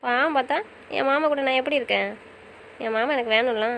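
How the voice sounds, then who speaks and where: A woman's voice: sits high, fairly quick, fairly bright tone, a little hiss or hum, poor audio. A young woman in affectionate, teasing banter with her husband, pleading and playful by turns. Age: young adult. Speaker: wife in a couple's chat. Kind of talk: casual couple banter.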